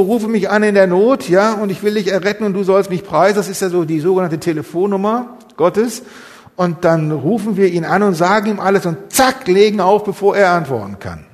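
A man's voice: sits high, a little mellow, long reverb tail. A man preaching a sermon, earnest and full of rhetorical questions. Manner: earnest, many rhetorical questions, rising emphasis.

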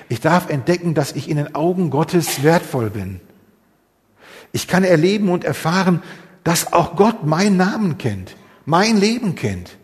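A man's voice: on the high side, long reverb tail. A man preaching a sermon, earnest and full of rhetorical questions. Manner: earnest, many rhetorical questions, rising emphasis.

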